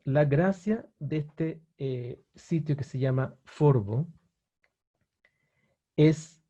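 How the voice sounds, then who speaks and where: A language teacher gives an online webinar about language-learning websites in a mellow, mid-range voice, and the audio has its highs cut off. He explains at a relaxed pace, full of fillers and restarts, and regularly checks in with the people watching.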